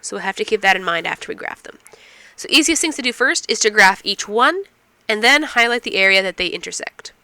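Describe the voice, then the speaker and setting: In this dry recording of a math lecture, a female instructor who is getting over a cold explains each step and answers her own questions. She speaks at a mid-range pitch, a little fast and animated, with a pushed, bright quality.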